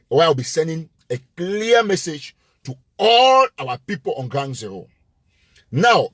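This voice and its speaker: Emphatic husky man delivering a live address. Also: on the high side, dry recording, clean studio sound. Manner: emphatic and repetitive, hammering points with rising force. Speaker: live-show host and political commentator. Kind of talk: impassioned live-stream address.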